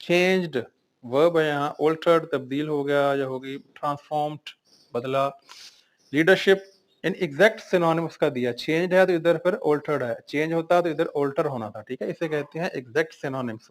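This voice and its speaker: A man teaching English vocabulary, voice sitting a little high for a man. He calls out each word, then lists its synonyms one after another with their meanings in Urdu.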